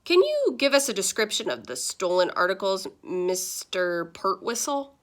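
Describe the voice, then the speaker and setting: A woman's voice: mid-range voice, huge pitch swings, moderate pace. A woman voicing a grave, earnest police officer with a formal manner in a storybook.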